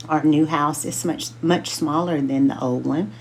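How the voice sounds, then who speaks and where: A woman reading a children's book aloud as a book club host, slowly and carefully sounding out names. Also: sits low, fairly even intonation, a little mellow, a little hiss or hum.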